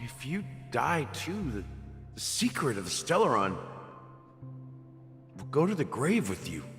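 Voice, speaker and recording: A man's voice: medium pitch, very animated, a little slow, fairly bright tone. An actor voicing a blunt, skeptical man in a game. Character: blunt, wary male investigator. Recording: game audio with reverb and music.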